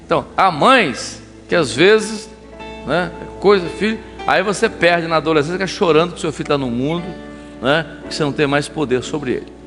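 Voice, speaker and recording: A male pastor giving a conversational sermon, animated and telling stories while acting out the scenes. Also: on the high side, normal speed, long reverb tail, faint music behind. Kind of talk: sermon with storytelling. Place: church.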